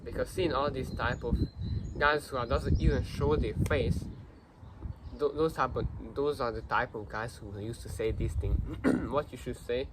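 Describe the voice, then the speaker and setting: Medium in pitch and moderate in pace, a teenage boy with Hungarian as his mother tongue reflects casually to camera. The vlog is earnest but meandering, with plenty of fillers and restarts, and the noisy sound comes from a built-in mic rather than a real microphone.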